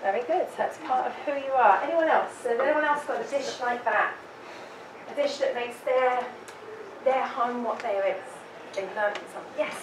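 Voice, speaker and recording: Speaking at an ordinary pace in a higher voice, this English woman with a London accent keeps a panel audience involved, chatting and firing questions at them. There's background noise, and the mic catches her from some distance in a spacious hall.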